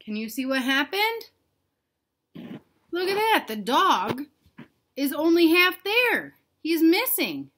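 Her voice high-pitched, sing-song, and a bit bright, a young woman takes her time reading a picture book aloud, leaving long pauses. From a home living room, this children's read-aloud host or teacher reads expressively and asks young listeners simple questions.

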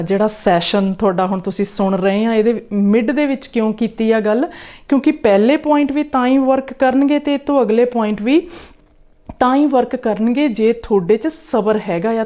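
Mellow-voiced woman coaching parents. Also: on the high side, normal speed. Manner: warm, coaxing, often checks in with "right?". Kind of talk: talk to camera giving parenting tips.

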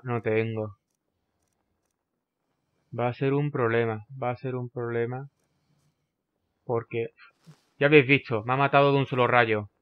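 A man giving live commentary on his own gameplay, excitable and repeating short phrases under pressure. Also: mid-range voice, lo-fi sound.

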